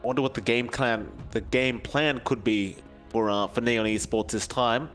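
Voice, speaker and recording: Man, esports host, middle pitch, chatty, asks co-caster questions, faint music. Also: fairly even intonation, moderate pace, a bit bright. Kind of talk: casual play-by-play banter.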